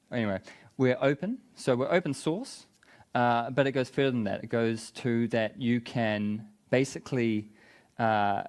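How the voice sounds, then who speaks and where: A man with a thick, broad New Zealand accent and a slightly low-pitched voice presents at a conference. He explains his product informally, as a speaker walking an audience through it. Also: darkish tone. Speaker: conference speaker, business development head.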